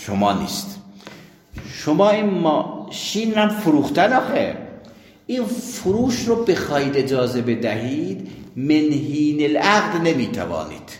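A man teaching a jurisprudence lesson, who explains with worked examples and asks and answers his own questions. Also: medium pitch. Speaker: seminary teacher. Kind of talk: jurisprudence lecture. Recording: echoey hall.

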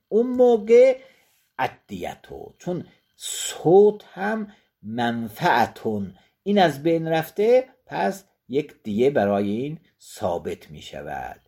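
A man teaching as a seminary lecturer. He reads Arabic passages aloud, then explains them in plain terms, repeating and rephrasing his points with frequent pauses. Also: medium pitch, a little mellow. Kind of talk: teaching a text on Islamic law.

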